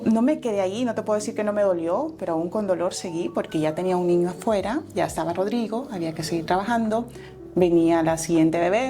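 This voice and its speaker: In an interview, a guest entrepreneur from El Salvador, a woman in her forties, tells the story of her life earnestly and thoughtfully, stumbling into fillers and fixing her own words. Her voice is mid-range and warm.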